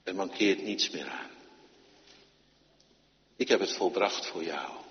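Male preacher, sermon, slow delivery, emphatic, loud then hushed, long hall echo. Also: sits low. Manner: emphatic, swings between loud urging and quiet intimacy. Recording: dull lo-fi sound with long hall reverb.

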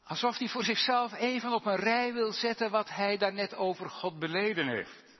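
A man delivers a sermon from a church pulpit, his fairly high, husky voice moving at an unhurried, measured pace. He lifts his voice to stress the quoted psalm lines. The sound is dull, with a long reverb trailing through the building. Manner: preaching with emphatic rises on quoted psalm lines. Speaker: pastor.

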